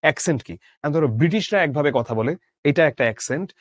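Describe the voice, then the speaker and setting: A man's voice: a little high, expressive, fast talker, dry recording. A young adult man teaching a literature lesson to exam students, rereading each line of the text and rephrasing it in simple words, with emphatic rises and drops on key words.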